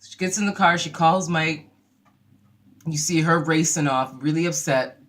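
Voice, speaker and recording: A host giving a casual recap of a reality TV episode, telling it as an animated story and acting out the quotes. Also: medium pitch, normal speed. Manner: animated storyteller who acts out quotes in voices; laughs easily while retelling.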